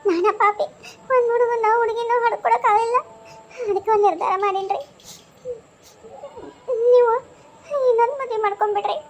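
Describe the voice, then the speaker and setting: A woman's voice: very high-pitched, steady tone, moderate pace, pauses often, soft background music. A woman with a North Karnataka accent voicing a tearful, self-sacrificing young wife in a cartoon, pleading and sorrowful. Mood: resigned. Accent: North Karnataka Kannada. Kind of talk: cartoon voice acting.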